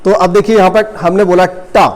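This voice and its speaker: A man teaching a coaching class, explaining step by step and slowly repeating sounds for students. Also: high voice, level tone. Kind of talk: classroom lecture. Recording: long reverb.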